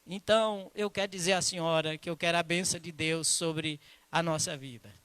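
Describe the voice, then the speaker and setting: Pastor, male; forceful, bright, dry close sound; emphatic storyteller who slows to hushed prayer. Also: a little high, steady tone, clean tone, no echo. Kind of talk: sermon. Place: church.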